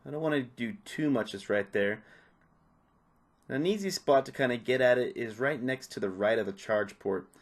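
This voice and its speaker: A man of medium pitch and normal speaking speed leads viewers through a repair job. His how-to narration is casual and informal, moving step by step through the hands-on work.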